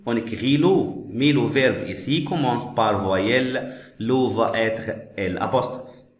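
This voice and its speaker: A man teaching French, explaining slowly and patiently, repeating each phrase and glossing it in English. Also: mid-range voice. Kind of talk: slow classroom explanation. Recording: echoey room.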